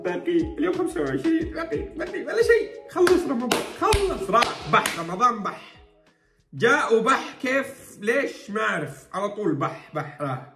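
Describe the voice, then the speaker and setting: A man's voice: very high-pitched, very animated, fairly quick. A man hosting a video reaction, talking playfully and teasing with frequent laughs. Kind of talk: casual reaction commentary. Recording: roomy sound with background music.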